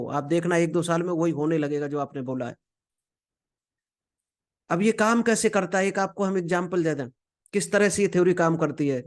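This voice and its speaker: A man delivers a motivational training talk over slides. His voice sits high for a man, and he keeps it conversational, addressing listeners as a friend and slipping in English phrases.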